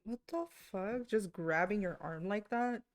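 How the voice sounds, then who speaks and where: A woman's voice: mid-range voice, a little slow. A woman co-hosting a podcast, reacting with short, blunt interjections and swearing. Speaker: podcast co-host. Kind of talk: casual chat.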